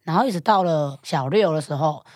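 Brief: young woman, low smoky voice, quick low-pitched storytelling, dry close mic. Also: animated, darkish tone, no echo. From Taiwan. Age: young adult. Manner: brisk storytelling, switches into Taiwanese phrases. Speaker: county councillor guest. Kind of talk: casual interview chat.

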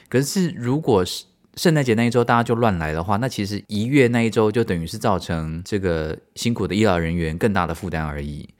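A low-pitched man with a Taiwanese Mandarin accent hosts a podcast. He talks casually and expressively, in a chatty, giggly manner. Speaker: podcast host. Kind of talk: casual solo chat.

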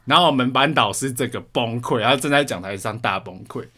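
On a podcast he co-hosts, a young Taiwanese man tells school stories in a relaxed chat, swearing often and retelling things animatedly. His medium-pitched voice is brisk.

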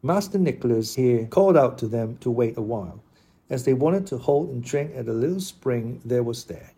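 Casting: male audiobook narrator with a dark, slightly husky voice and a steady delivery. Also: medium pitch. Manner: steady, measured reading. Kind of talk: audiobook narration of a classic novel.

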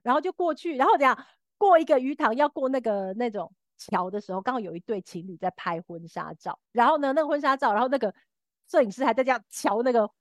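A woman's voice: fairly high pitch, fast, no echo, clean studio sound. A woman co-hosting a podcast, telling a story animatedly and acting out the quoted lines. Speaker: podcast co-host. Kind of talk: casual storytelling chat.

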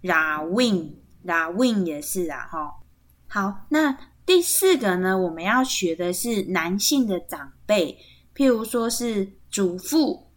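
A woman with a Taiwanese Mandarin accent hosting a podcast language lesson, patiently explaining words and spelling them out letter by letter. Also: mid-range voice. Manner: frequent tag particles seeking agreement. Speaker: podcast host teaching Atayal kinship terms.

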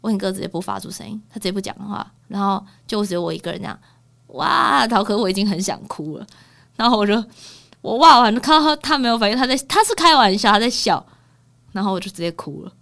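A woman, hoarse from a cold, telling a rambling story as co-host of a casual chat show in a small studio. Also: medium pitch, animated, fast talker, a bit bright. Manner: rambling storytelling with many fillers. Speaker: podcast co-host.

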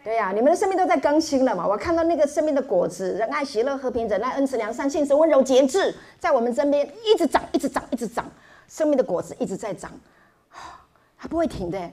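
Middle-aged woman preacher, bright high register, playful and humorous from the pulpit. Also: fast talker. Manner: playful, joking, animated storytelling. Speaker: pastor. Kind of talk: sermon.

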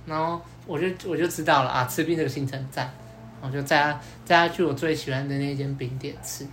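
A man, hosting a podcast and telling a story in a casual, animated way, acting out both sides of the dialogue with many fillers. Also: on the high side, a little fast, a little hiss or hum. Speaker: podcast host.

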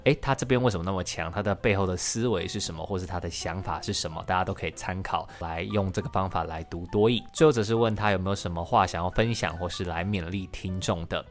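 Low-voiced man. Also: fast, hardly any pauses, faint music behind. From Taiwan. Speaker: podcast host, interviewee. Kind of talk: podcast interview.

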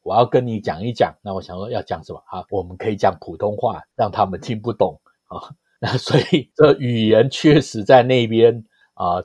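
A middle-aged man with a Taiwanese Mandarin accent speaks in a fairly low voice. He tells anecdotes conversationally and explains as he goes, dropping in small interjections. The sound is dry and close. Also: darkish tone, slightly rough, no room sound, muffled recording. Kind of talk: conversational storytelling.

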